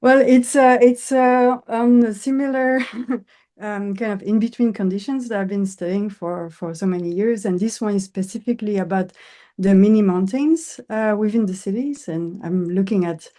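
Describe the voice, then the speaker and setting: A Swiss woman who speaks English answers interview questions as an architect and professor, hesitating and using many fillers. Her mid-range voice has a dark tone and a normal speed.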